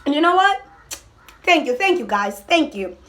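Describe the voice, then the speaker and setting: A young adult mukbang vlogger chats casually to camera, animated and emphatic, often breaking off mid-thought. Her voice is high, at a moderate pace.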